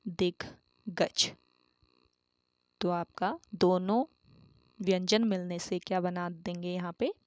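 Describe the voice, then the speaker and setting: A woman's voice: fairly low pitch, fairly even intonation, measured pace, darkish tone, no room sound. A woman teaching an exam-prep lesson who asks questions and then answers them herself, repeating key terms. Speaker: Hindi exam tutor.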